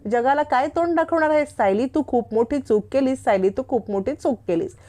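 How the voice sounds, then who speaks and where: A woman's voice: sits high, fairly quick, lightly acted. A woman voicing an angry, protective elder sister who scolds her younger sister. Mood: angry scolding. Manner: scolding, shouting reproaches.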